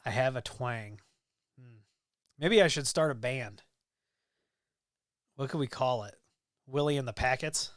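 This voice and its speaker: Speaking a little slowly with long pauses, this livestream host from the American Midwest reads out viewer comments and rambles casually, full of ums and restarts. His mid-range voice is a bit bright, captured in a dry, studio-quality recording.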